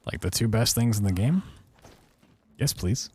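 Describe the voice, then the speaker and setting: A man's voice: fairly low pitch, lively intonation, quick pace, darkish tone, breathy edge. A man giving casual speedrun commentary, informally thinking aloud as he plays. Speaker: speedrunner, game streamer.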